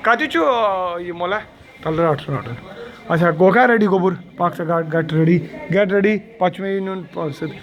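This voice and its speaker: A man's voice: high-pitched, normal speed, muffled recording. A middle-aged man, the groom's uncle, eagerly narrating a family wedding ritual as he films it on a camera. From Kashmir. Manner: eager, mixes English narration with Hindi remarks. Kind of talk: live commentary while filming a ceremony. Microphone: handheld camera mic. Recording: crowd chatter of a ceremony behind.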